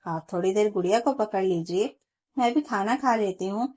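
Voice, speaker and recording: A woman's voice: mid-range voice, normal speed, a little mellow, close to an everyday voice. A woman storyteller voicing a young, worn-out new mother who pleads with her in-laws. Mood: pleading. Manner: pleading, weary.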